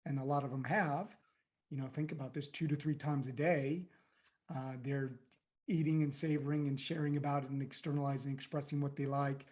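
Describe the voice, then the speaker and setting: A man's voice: medium pitch, level tone, brisk, a little mellow. A man in his fifties from the United States, a podcast guest and life coach, telling his story in a reflective, rambling way with many fillers. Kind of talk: conversational interview.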